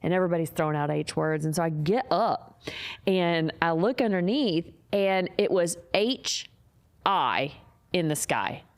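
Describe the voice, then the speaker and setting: A woman hosting a podcast, telling stories in an earnest, animated way and jumping higher when she quotes people. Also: a little slow. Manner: earnest, faith-centered. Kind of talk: casual storytelling chat.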